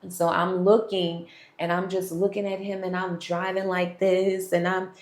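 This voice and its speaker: Speaking at a normal speed with a lowish voice and flat delivery, a young woman vlogger candidly recounts her personal testimony straight to her viewers. The room she's in is echoey.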